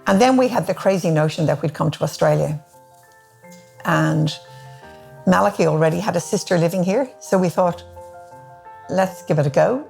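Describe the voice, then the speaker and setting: A middle-aged woman from Ireland with an Irish accent, recalling her life gently and with some hesitation in a testimony interview. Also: on the low side, moderate pace, creaky, long pauses, faint music behind. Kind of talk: personal testimony.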